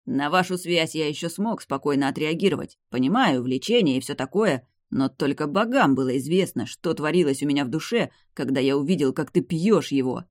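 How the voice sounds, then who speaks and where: A woman's voice: sits low, expressive, brisk, hardly any pauses, dry recording, clean studio sound. A woman voicing a persistent noble ex-lover. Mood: earnest. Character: young adult man, aristocratic ex-lover, persistent.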